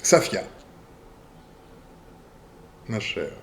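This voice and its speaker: A man hosting a video channel reads viewer messages aloud and responds deliberately, in short phrases broken by pauses. There's slight background noise.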